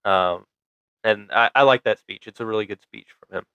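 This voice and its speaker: A man's voice: lowish voice, normal speed, sharp tone, smooth, dry recording, highs cut off. A man co-hosting a podcast, chatting casually and enthusiastically about a movie and laughing easily. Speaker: podcast co-host. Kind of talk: casual movie review chat.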